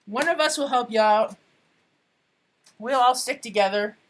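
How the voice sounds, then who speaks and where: A woman's voice: on the high side, a little slow. Chatty woman live-streaming her crafting. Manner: chatty, thinks aloud, trails off mid-sentence. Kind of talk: casual live-stream chat while crafting.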